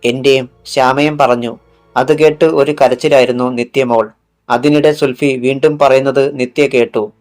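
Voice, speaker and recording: Male audiobook narrator, mid pitch, measured delivery. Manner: steady, measured storytelling. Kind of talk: scripted narration. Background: faint background music.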